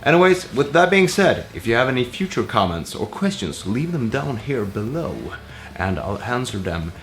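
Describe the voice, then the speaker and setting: A man, a musician, answering viewer questions in a relaxed, rambling way full of fillers. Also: mid-range voice, normal speed, faint music behind. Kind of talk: casual Q&A vlog.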